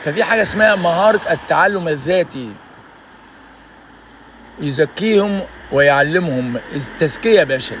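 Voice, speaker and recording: A man's voice: on the high side, fairly bright tone, slight background noise. Emphatic 60s man with Egyptian accent, preaching. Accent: Egyptian Arabic. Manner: emphatic, preachy, repeats "ya basha". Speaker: vlogger giving life advice. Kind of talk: casual motivational talk.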